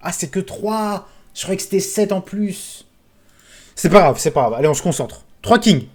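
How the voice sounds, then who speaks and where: A man streaming casino games, commentating live, excitable, pleading with the game and calling out sums. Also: sits high, moderate pace.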